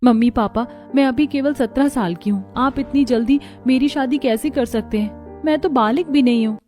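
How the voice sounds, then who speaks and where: Teen girl in a cartoon, neglected and pleading, voiced by a woman, mellow tone, faint music behind. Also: high-pitched, moderate pace, natural voice. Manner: pleading, hurt tone. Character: 17-year-old girl, neglected and longing for love. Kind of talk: cartoon voice acting.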